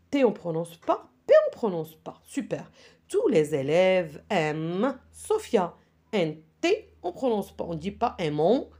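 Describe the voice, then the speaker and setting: In a medium-pitched, darkish voice, a middle-aged woman teaches spelling to primary pupils with patience. "D'accord?" comes up again and again as she checks in regularly with the class and with parents.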